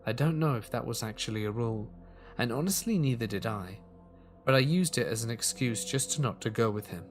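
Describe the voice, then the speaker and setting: Guy reading a scary story calmly, mid-pitch voice, quiet music under it. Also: fairly quick. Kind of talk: scripted horror story narration.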